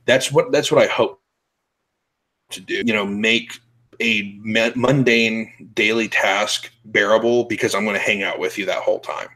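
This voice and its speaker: A man's voice: lowish voice, fairly even intonation, moderate pace, bright, forceful tone, low-quality recording. A young man hosting a show, chatting casually with blunt, profane, laughing talk. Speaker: podcast host. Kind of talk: casual chat.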